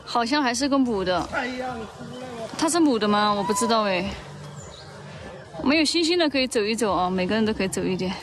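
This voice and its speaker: A woman's voice: a little high, animated, fairly quick, long pauses, background noise. Chatty woman. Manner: chatty, teasing, coos in baby talk. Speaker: livestream host. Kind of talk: casual livestream chat. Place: outdoor monkey park.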